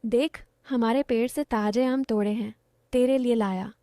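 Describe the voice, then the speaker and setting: A woman's voice: a little high, steady tone, unhurried, mellow, smooth, no room sound, studio quality. A woman voicing a teasing young village guy.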